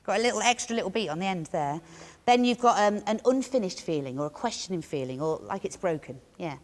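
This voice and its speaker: A woman leading students through a lively drama exercise, encouraging them and chanting rhythms aloud. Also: mid-range voice, quick pace, long reverb tail. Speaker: workshop leader.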